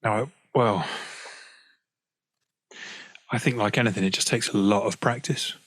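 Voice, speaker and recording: A man with a British accent, a guest singer-songwriter chatting casually in an interview from home, relaxed and quick to laugh. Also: on the low side, dry recording. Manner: relaxed, chatty, laughs easily, frequent "you know". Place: at home practicing, on a call.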